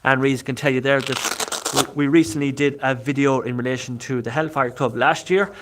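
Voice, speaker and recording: A man's voice: medium pitch, fairly even intonation, moderate pace, noisy background. Chatty man with a west of Ireland accent. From Galway, west of Ireland. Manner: chatty, rambling, repeats himself. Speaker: live-streaming paranormal investigator showing historic sites. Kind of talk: casual live vlog chat.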